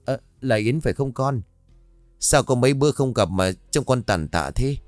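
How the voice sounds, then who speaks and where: A man voicing a kindly older village woman who gently consoles a grieving mother. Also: medium pitch, expressive, normal speed, dry recording, faint music behind, close to an everyday voice.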